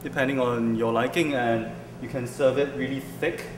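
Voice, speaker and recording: A man's voice: mid-range voice, fairly even intonation, normal speed, reverberant, noisy background. A young man from Singapore hosting a cooking show, chatting casually and hesitantly with many ums while he cooks in a large indoor kitchen, picked up by a camera some way off. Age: young adult.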